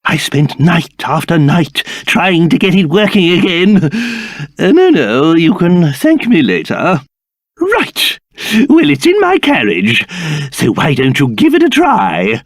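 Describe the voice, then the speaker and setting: A man voicing a pompous, excitable old cursed king in a video game, with a British accent and old-fashioned, theatrical speech. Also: fairly high pitch, takes it slowly, no room sound, clean studio sound, full character voice. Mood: proud, explaining. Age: older. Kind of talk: video game character voice acting.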